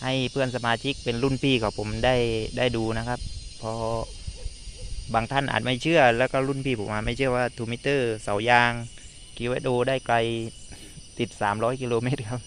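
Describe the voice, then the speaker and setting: A man's voice: mid-range voice, fairly even intonation, normal speed, fairly bright tone. Polite man on walkie talkie, noisy outdoor background. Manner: polite, formal radio procedure over walkie talkie. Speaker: amateur radio operator testing a handheld. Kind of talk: polite two-way radio exchange. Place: outdoors on high ground. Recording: clear background noise, outdoor ambience.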